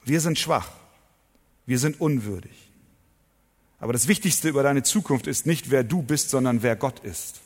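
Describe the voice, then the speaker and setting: A man preaching a sermon to his congregation, emphatic, asking rhetorical questions and swinging between loud and soft. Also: medium pitch, moderate pace, long pauses, husky. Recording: long hall reverb.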